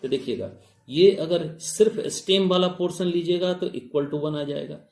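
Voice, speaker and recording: In an echoey room, a man with a fairly high, gravelly, slightly mellow voice teaches biology for exam prep at a moderate pace. He blends English technical vocabulary into his Hindi, repeatedly asks his students questions, and addresses them as "babu."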